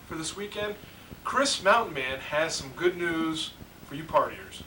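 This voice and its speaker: A man's voice: fairly high pitch, lively intonation, measured pace, bright, forceful tone. A man playing an earnest, bumbling anchor in a spoof newscast, stammering through his questions. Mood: earnest, halting. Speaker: news anchor. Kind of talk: parody news anchor, amateur spoof newscast. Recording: distant mic, clear background noise, clicks.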